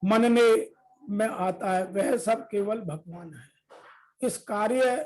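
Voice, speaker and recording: A woman giving a scripture commentary, deliberately reading translations as measured lists. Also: medium pitch, a little mellow, poor audio. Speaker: Gita discourse teacher.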